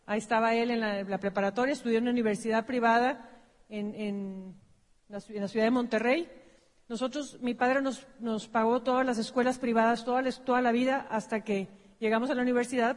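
A woman's voice: fairly high pitch, steady tone, brisk. A woman with a Mexican accent presenting a business seminar, telling her story casually with self-corrections. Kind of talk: personal storytelling on stage. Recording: long hall reverb.

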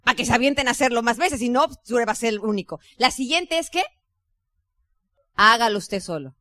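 Bright, high-voiced Mexican woman coaching. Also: fairly quick, no echo, clean studio sound. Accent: Mexican Spanish. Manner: lively, chatty, mimics voices in anecdotes. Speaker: network marketing team leader. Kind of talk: motivational business talk.

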